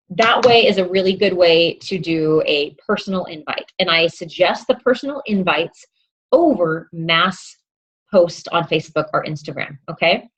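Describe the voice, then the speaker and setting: Encouraging woman coach, low voice, lo-fi. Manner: upbeat, encouraging, checks in with "okay?". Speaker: fitness coach. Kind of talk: instructional talk to new coaches.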